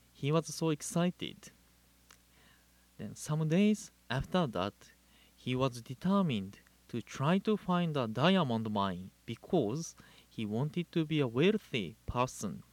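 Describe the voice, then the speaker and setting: Slow, measured Japanese-accented man. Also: mid-range voice, no echo. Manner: measured and deliberate, telling a story. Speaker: Buddhist minister. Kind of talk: Dharma talk. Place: living in Hawaii.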